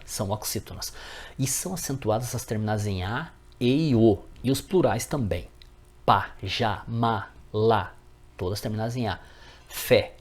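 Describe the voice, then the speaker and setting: Husky man teaching grammar. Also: on the low side, a little mellow. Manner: addresses viewers as friends, checks with "certo?". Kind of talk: grammar lesson.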